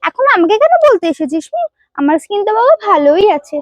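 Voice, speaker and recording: A woman acting a spoiled, condescending young woman in a comedy skit, with whiny, drawn-out, prissy sorority-girl speech. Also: very high voice, big pitch swings, no room sound, studio quality. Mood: smug scolding.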